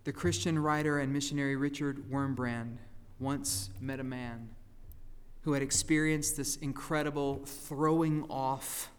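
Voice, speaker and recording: A man preaching a sermon as pastor, acting out quoted voices and swinging between loud emphatic lines and hushed ones. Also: mid-range voice, clean tone, long reverb tail. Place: church sanctuary.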